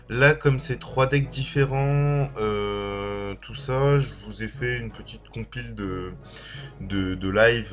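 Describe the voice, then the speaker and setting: Lisping man commentating on games. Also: medium pitch. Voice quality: slight lisp, slushy s. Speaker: gaming video creator and streamer. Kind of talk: casual gameplay commentary. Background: music.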